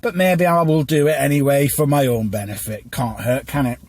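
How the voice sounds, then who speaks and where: A man's voice: medium pitch, steady tone, normal speed, darkish tone, no room sound. A man hosting a news commentary podcast, reading from a script in a stilted, teleprompter-like way with small stumbles. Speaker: podcast host.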